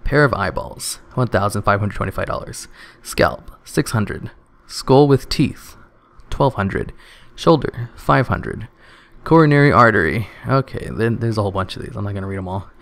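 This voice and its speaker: A man's voice: on the low side, moderate pace, gravelly. A man hosting his channel, casually reading online comments aloud in a dry voice and holding back laughs.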